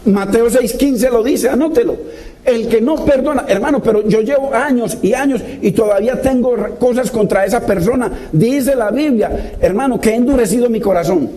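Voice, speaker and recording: A man preaching a sermon, his voice pitched high yet dark and mellow in tone. He exhorts his listeners passionately, asking question after question and calling them to listen. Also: normal speed. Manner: impassioned, exhorting, repeated direct address.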